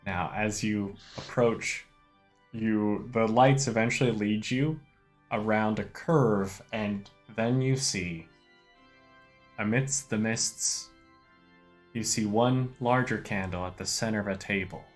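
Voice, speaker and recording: A man's voice: lowish voice, takes it slowly, faint music behind. A man narrating an improvised tabletop game as the game master.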